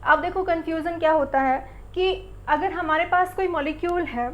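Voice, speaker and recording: A woman's voice: extremely high pitch, normal speed, dull audio, slight background noise. A woman teaching a school chemistry class. She asks the pupils questions, answers them herself and repeats the key words. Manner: calls the pupils beta and bachche. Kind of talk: classroom lesson.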